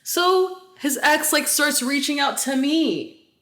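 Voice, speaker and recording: A woman co-hosting a podcast, telling stories in casual, animated chat with lots of filler words. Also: high voice, slow pace. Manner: chatty, animated storytelling with many "like" fillers. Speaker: podcast co-host. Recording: roomy echo.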